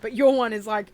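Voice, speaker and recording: A woman's voice: medium pitch, fairly bright tone. A young British woman co-hosting a gaming channel, chatting casually over gameplay and laughing often.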